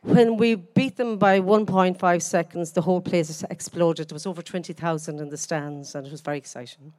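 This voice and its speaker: A woman's voice: lowish voice, steady tone, moderate pace, a little mellow, no room sound. A woman with a west of Ireland accent, answering questions as a chief executive in a live interview. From Galway, west of Ireland.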